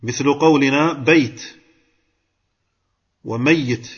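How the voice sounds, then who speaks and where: A man's voice: mid-range voice, slow pace, breathy edge, muffled recording. A man teaching Arabic grammar in a class, explaining step by step, asking questions and praising students' answers.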